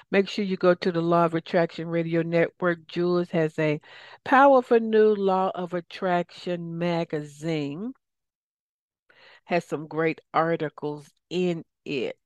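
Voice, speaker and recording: A woman's voice: fairly low pitch, a little mellow, dry recording, muffled recording. A woman speaking casually as the solo host of a coaching show, rambling conversationally with asides. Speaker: podcast host and life coach.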